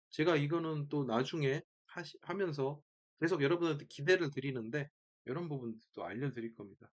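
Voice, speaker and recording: Here a man with a medium-pitched, slightly mellow voice presents an informal screen-share tutorial, talking through each step. He thinks out loud in brief fragments and repeats important words, and the audio has a dull quality.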